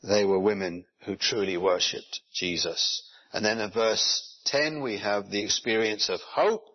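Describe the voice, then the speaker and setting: Brief: husky-voiced male pastor, earnest explanatory sermon, muffled lo-fi sound. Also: fairly low pitch, measured pace. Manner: earnest, explanatory, with rhetorical questions. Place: church in Japan. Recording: dull lo-fi recording.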